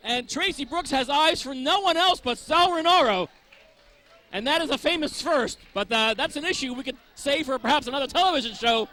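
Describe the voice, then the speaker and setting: A man's voice: very high-pitched, animated, fairly quick, sharp tone. A man giving live wrestling play-by-play commentary in wordy, descriptive phrases.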